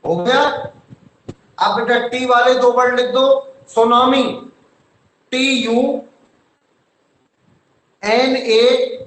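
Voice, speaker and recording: A male teacher talks very slowly in a strikingly high voice. He spells each word out letter by letter, patiently, like he's dictating to a class. The sound echoes as if he's in a bare room. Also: steady tone, a bit bright. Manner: slow, spells words letter by letter, calls students "beta". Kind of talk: online class lesson.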